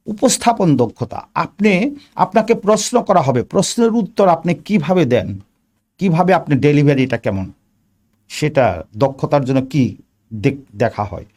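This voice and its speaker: Male exam coach, fairly high and very animated, drills points with repetition, direct teaching manner. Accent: Bangladeshi Bengali. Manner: repetitive, emphatic, addresses the listener directly. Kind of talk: spoken lesson on viva preparation.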